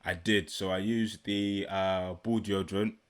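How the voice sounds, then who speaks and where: Lower-pitched London man, casual podcast co-host. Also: flat delivery, unhurried, clean tone. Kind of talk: casual chat.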